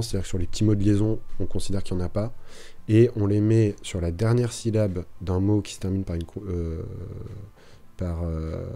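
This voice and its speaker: A French literature teacher on a live stream, explaining a poem casually and thinking aloud with frequent fillers and restarts. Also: male voice, low voice, warm tone. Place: home streaming setup. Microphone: streaming microphone.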